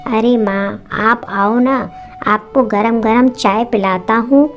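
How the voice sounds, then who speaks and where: Woman doing a calm, placating grown son. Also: on the high side, takes it slowly, soft background music. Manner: reassuring, placating.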